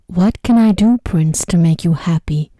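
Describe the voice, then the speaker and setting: A woman voicing an innocent, wondering young fairytale heroine in a soft, whispery ASMR storybook reading. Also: lowish voice, a little slow, no room sound, lightly acted. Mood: earnest. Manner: gentle, musing.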